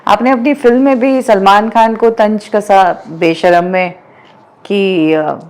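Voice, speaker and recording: A woman's voice: medium pitch, fairly even intonation, takes it slowly, a little mellow, rough recording. A woman interviewing a guest and asking pointed, probing questions.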